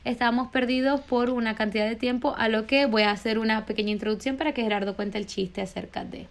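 A Venezuelan woman hosts a podcast in easy, casual chat. Her voice sits somewhat high. She is talkative and teases her co-host. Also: fairly even intonation, fast. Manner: teasing, talkative.

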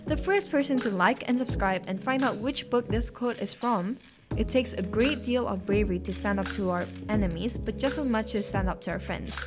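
A woman narrating classic fairy tales as a podcast host, in a clear, gentle storytelling manner. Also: medium pitch, normal speed, music in the background.

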